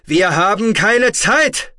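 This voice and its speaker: A male reader voicing a commanding human fleet leader who talks in a loud, forceful, pressing way. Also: on the high side, measured pace, no room sound, clean studio sound, pitched above the performer's own voice. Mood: thundering.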